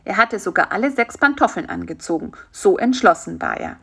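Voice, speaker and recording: A woman calmly reading a children's story aloud as the storyteller. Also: mid-range voice, brisk, creaky, husky.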